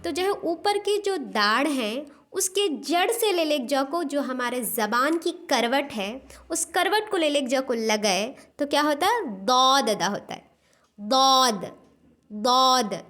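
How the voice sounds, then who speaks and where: A woman's voice: high voice, lively intonation, unhurried, few pauses, a bit bright. A woman teaching letter pronunciation, patiently repeating each sound many times for practice. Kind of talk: pronunciation lesson. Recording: dull lo-fi recording.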